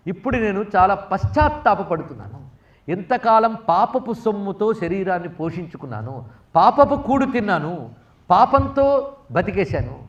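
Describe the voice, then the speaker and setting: A man's voice: high voice, far from the mic. A man with a Telugu accent giving a devotional spiritual discourse, telling a story, acting out the characters' words and putting questions to his listeners. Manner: animated storyteller who acts out characters' words and questions the audience. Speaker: spiritual lecturer.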